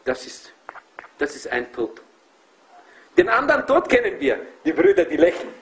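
A man's voice: sits high, sing-song, moderate pace, a bit bright, poor audio. A man preaching passionately to a group of brothers, emphatic and full of rhetorical questions. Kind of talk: impassioned religious talk.

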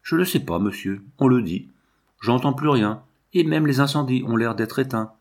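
A man's voice: mid-range voice, expressive, normal speed, close to an everyday voice. A man voicing a frightened, weepy middle-aged housemaid who wails and pleads. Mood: weary. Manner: wailing, plaintive.

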